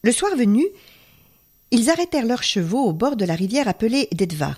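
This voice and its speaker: A woman storyteller reading a folk tale aloud, expressive and dropping to a hush at tense moments. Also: a little high, normal speed, husky.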